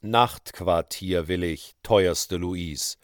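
A man voicing a smooth, menacing male outlaw who speaks low, slow and suave. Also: expressive, no echo.

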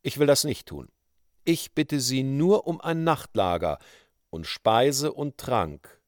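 A suave male outlaw speaks low and unhurried, calm and quietly threatening, as a man puts him on. The sound is dry and close. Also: no room sound. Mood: menacing. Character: smooth menacing male outlaw, coolly persuasive.

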